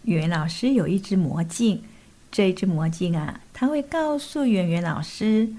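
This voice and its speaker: A woman telling a children's story and speaking gently to young listeners as their teacher. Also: lowish voice, lively intonation, normal speed. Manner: gentle, coaxing, speaks to kids.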